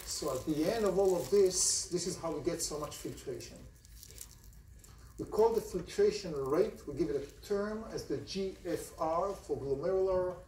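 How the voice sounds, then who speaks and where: A man with an Israeli accent gives a university lecture to a large class, keeping it conversational and often asking the students questions. His voice is a little high and warm at a normal speed, captured on a phone in the audience seats, so the lecture hall sounds distant and roomy, with slight background noise.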